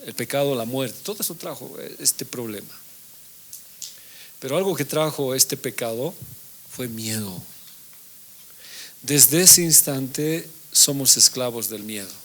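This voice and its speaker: A man's voice: medium pitch, a little slow, pauses often. A man teaching a Bible class as a pastor, reading scripture aloud and putting questions to his listeners that he then answers himself. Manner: animated preaching, reads scripture aloud, asks the congregation questions. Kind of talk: sermon.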